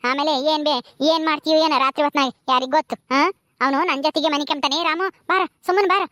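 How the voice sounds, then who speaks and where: A woman's voice: high-pitched, steady tone, fast talker, sharp tone, no echo, studio quality. A woman playing a scolding old mother-in-law. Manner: scolding, taunting.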